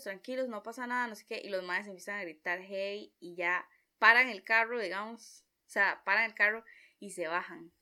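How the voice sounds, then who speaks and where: A young woman with a Costa Rican accent, telling a personal story in a chatty, expressive vlog style and acting out her own reactions. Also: mid-range voice. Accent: Costa Rican Spanish. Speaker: vlogger.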